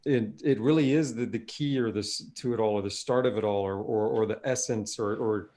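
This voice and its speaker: A man's voice: on the low side, brisk, dark tone. A man co-hosting a podcast, chatting in a loose, profane way and laughing often. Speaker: podcast co-host. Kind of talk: casual chat.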